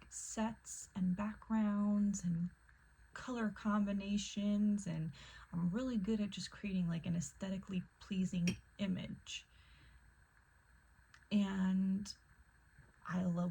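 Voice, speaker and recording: Soft-spoken woman with a gravelly fry. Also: mid-range voice, a little hiss or hum, poor audio. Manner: soft, often whispery, chatty with laughs and fillers. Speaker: vlogger. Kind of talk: casual chat.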